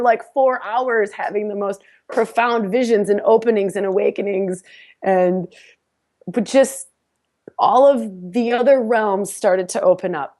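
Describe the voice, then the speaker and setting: On a podcast, a woman guest with a medium-pitched voice shares a personal story. Her delivery is casual and animated, full of laughs and restarted sentences.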